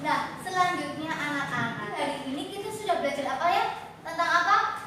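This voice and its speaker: A woman's voice: sits high, brisk, pushed and bright. A female English teacher from Central Java, leading a class with questions and sing-song repetition, heard from afar in a school classroom. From Brebes, Central Java, Indonesia. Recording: very echoey classroom from far off, with noise.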